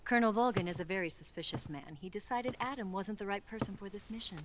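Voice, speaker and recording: A woman's voice: medium pitch, fast talker, lightly acted. Eva, a woman as a cool spy amid noise. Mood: teasing, confident. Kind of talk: cinematic video game acting.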